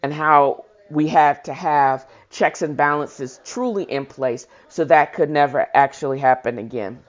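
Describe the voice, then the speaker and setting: Host of a reading show, speaking at a medium pitch and a measured pace, reads a historical speech aloud and adds casual commentary. They stumble occasionally and correct themselves. The recording sounds dull and lo-fi.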